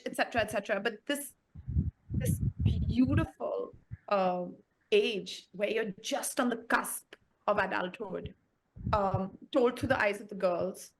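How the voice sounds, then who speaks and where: High-pitched woman with Indian accent. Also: background noise. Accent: Indian English. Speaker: show creator. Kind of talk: unscripted interview answer.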